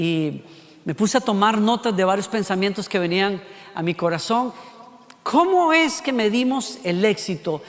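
A man with a Costa Rican accent preaching a sermon, asking rhetorical questions and varying his pace and loudness for emphasis. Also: sits high, in a large hall. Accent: Costa Rican Spanish. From Costa Rica.

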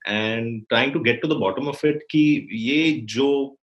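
A man's voice: medium pitch, normal speed, dull audio. A man with an Indian accent in reflective conversation, searching for words and repeating phrases as he thinks. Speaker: filmmaker.

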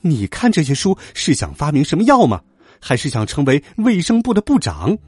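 A man putting on a loud, shrill bragging mom. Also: huge pitch swings, normal speed, husky, no echo, heavily acted. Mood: sarcastic. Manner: shrill, boasting to the neighbors. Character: loud proud mother, middle-aged woman. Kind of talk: storybook reading.

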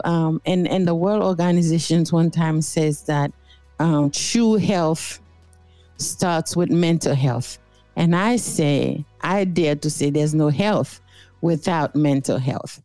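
A woman's voice: low-pitched, slow, warm tone, no echo, faint music behind. A middle-aged woman from Haiti, a therapist being interviewed, speaking thoughtfully with many fillers and restarts. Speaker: guest therapist. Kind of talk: interview conversation.

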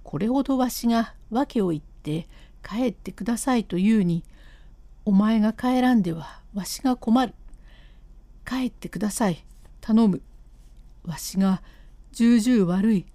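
A woman's voice: unhurried, long pauses, warm tone, no echo, lightly acted. A woman voicing an older male master painter who keeps apologizing yet refuses to give in, in a storybook reading of a classic comic tale. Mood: exasperated. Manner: lowered voice, pleading and firm by turns.

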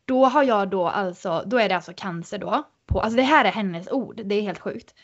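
A woman guest on a podcast, telling a story in an animated, casual way with many fillers. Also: medium pitch, lo-fi sound.

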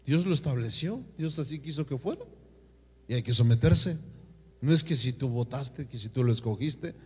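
A man's voice: mid-range voice, expressive, normal speed, a little mellow, breathy edge. A man, a pastor delivering an emphatic sermon with call-and-response. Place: church. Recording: reverberant church hall.

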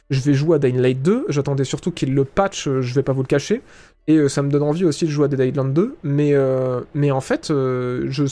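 A man's voice: fairly high pitch, dark tone. A young man with a French accent, chatting casually on a live stream, reading the chat and hesitating with many fillers.

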